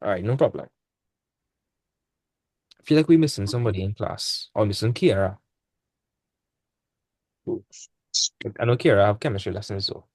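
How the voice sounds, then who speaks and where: A man's voice: lowish voice, expressive, normal speed, long pauses, darkish tone, dry recording. A young man, tutoring maths in a casual online class. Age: young adult. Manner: casual, laid-back teaching with dialect speech. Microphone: video call.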